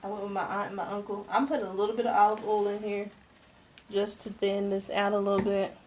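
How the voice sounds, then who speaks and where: Speaking fast in a level, mid-range voice, this cooking show host is a woman in her twenties running a live demonstration at home. She's chatty, addresses her viewers directly, and laughs readily, while pans sizzle and utensils clatter in the kitchen around her.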